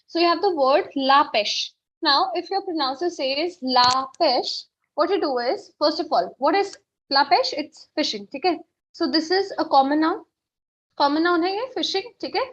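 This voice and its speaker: A woman's voice: high-pitched, moderate pace, a bit bright. A woman teaching French on an online webinar, explaining step by step and often checking "okay?". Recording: dull, lo-fi webinar audio.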